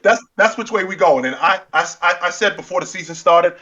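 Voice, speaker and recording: A man co-hosting a sports podcast in casual chat, animated and repeating himself as he builds his points. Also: high voice, a little fast, lo-fi sound. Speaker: podcast co-host.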